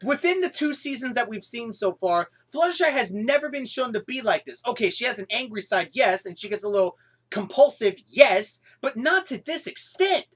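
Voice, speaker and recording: A young woman vlogger reviewing a cartoon episode in an exasperated, animated rant with sudden outbursts. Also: on the high side, normal speed, husky.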